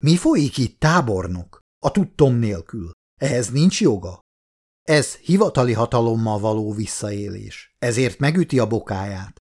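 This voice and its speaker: An enraged old minister who shouts and blusters, as a male audiobook narrator puts him on. His voice sits higher and louder than the narration. He sounds indignant and overbearing. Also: animated. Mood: furious. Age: older. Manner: shouting, outraged.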